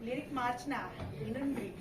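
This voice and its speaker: A woman with a South Indian accent performing stand-up comedy, telling stories in an animated way and acting out dialogue as she switches between languages. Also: on the high side, very fast. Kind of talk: musical stand-up comedy routine, mixing languages. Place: live comedy venue with audience behind. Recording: echoey room, distant mic, noisy audience.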